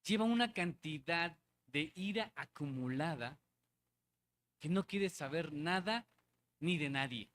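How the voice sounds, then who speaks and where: Guy preaching, kinda high voice, keeps saying "right?" to the church, little background hiss. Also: animated, takes it slowly, pauses often, a bit bright. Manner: conversational, asks the congregation for agreement; repeats phrases for emphasis. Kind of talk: sermon. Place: church hall.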